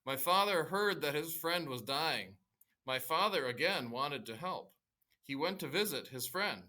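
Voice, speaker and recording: A bright-toned young man recounting his family history, as a teacher reads him aloud. The voice is lifted and a touch louder than everyday talk, with a crisp, sharp edge. It is earnest storybook narration. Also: mid-range voice. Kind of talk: reading a novel aloud to students.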